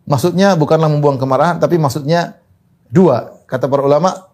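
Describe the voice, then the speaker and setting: A man's voice: a little fast, darkish tone. A man preaching an Islamic sermon, reciting Arabic scripture and driving points home with emphatic repetition. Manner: quotes Arabic scripture, emphatic repetition, pitch swings widely. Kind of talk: religious lecture.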